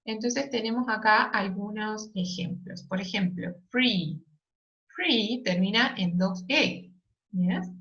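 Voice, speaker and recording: A woman teaching an English lesson, explaining slowly and patiently and checking in often with "yes?" and "ok?". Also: mid-range voice, a bit bright, highs cut off. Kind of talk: recorded online lesson.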